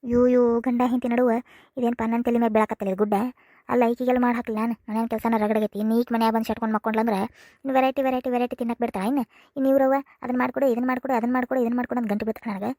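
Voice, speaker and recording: A woman's voice: on the high side, fairly even intonation, rapid-fire, warm tone, no echo, studio quality. A woman voicing a fussy, doting middle-aged village mother in a cartoon comedy, with a North Karnataka accent and a chattering, dramatic way of talking. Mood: grumbling. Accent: North Karnataka Kannada. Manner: chattering, dramatic, rhetorical questions.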